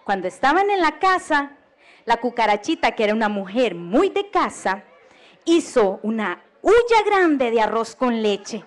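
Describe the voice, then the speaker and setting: A Costa Rican woman tells a folk tale to children on a radio program, pausing to ask her listeners questions and get them to join in. Her voice sits high and bright in its register. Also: sing-song, faint music behind. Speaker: storyteller. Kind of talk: oral storytelling for children.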